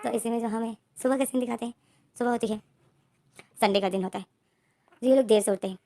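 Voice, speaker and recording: A woman's voice: a little high, fairly even intonation, fast, mellow. A woman casually retelling a story in a chatty way, with many filler connectives. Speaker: story narrator.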